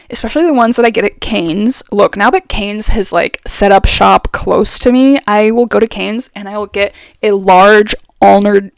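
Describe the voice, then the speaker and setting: A woman's voice: fairly high pitch, vocal fry, no room sound. Chatty opinionated woman, very close mic. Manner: chatty, opinionated, lots of fillers. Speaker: vlogger. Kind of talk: casual chat.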